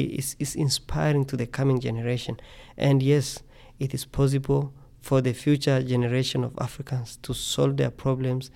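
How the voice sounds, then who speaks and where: A man's voice: mid-range voice, vocal fry, dark tone. A middle-aged man from Tanzania, a scientist guest speaking earnestly in a podcast interview, often repeating words as he thinks.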